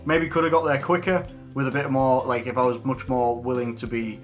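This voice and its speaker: A man's voice: medium pitch, little pitch movement, a little fast, soft background music. A man in his twenties from England, a YouTuber answering viewer questions in an unscripted casual Q&A, rambling with frequent restarts and fillers. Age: 20s.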